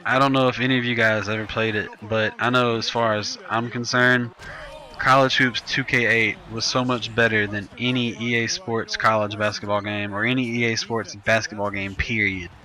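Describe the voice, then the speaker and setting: Bright-voiced young guy commentating gameplay. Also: on the low side, level tone, moderate pace, rough recording. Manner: loose, rambling, self-correcting chat. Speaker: gaming YouTuber.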